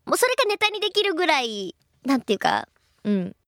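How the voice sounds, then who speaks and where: Bubbly high-voiced young woman radio host. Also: sing-song, fairly quick, fairly bright tone, dry recording, clean studio sound. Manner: chatty, bubbly and self-deprecating. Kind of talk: casual radio talk reading listener mail.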